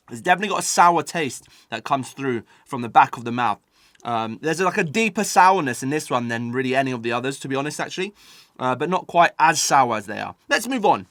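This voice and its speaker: A British man from the United Kingdom hosts a taste-test vlog, chatting casually to viewers while eating sour candy and reacting to how sour it is. His voice is on the high side and a bit bright, recorded at studio quality with no room sound.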